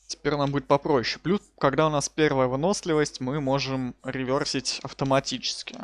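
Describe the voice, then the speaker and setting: He talks a little fast in a mid-range voice, keeping his intonation fairly even, and there's no room sound at all. As the streamer running a wrestling game broadcast, he riffs in a casual, slangy way.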